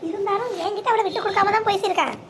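A woman's voice: extremely high pitch, racing, fairly bright tone, a little hiss or hum. A woman voicing a spiteful, scheming mother-in-law in a cartoon, plotting and scolding. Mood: gloating.

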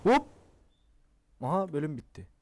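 An excitable young man talks through his gameplay, cursing and pleading with the characters on screen. His voice sits high for a man. Faint noise runs under the recording. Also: a little slow. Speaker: gaming channel host. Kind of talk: casual gameplay commentary.

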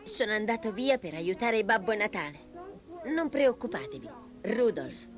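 A woman's voice: mid-range voice, animated, normal speed, music in the background, natural voice. An actress voicing a sweet, earnest young male fawn in a vintage cartoon dub. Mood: earnest, reassuring.

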